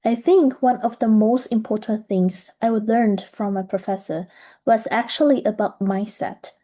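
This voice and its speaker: A young adult woman from Taiwan talks through her research journey in a steady, earnest presentation. Her voice is soft and mellow with a mid-range pitch. She sounds thoughtful and reflective throughout. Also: unhurried. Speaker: graduate student presenter. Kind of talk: scripted presentation.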